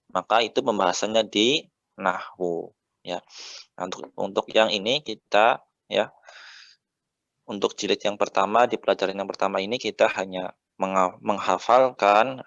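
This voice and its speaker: An Indonesian man teaching Arabic patiently, often saying "ya" and drawing out the vowel endings slowly. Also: lowish voice, fairly bright tone, no room sound, dull audio. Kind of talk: relaxed teaching.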